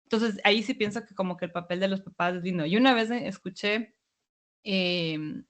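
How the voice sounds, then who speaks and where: A co-host from Ecuador speaks at a middle pitch in a relaxed, thoughtful way. It's a conversational style, with the occasional lively aside. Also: moderate pace. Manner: thoughtful, storytelling, animated asides. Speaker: podcast co-host. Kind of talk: casual conversation.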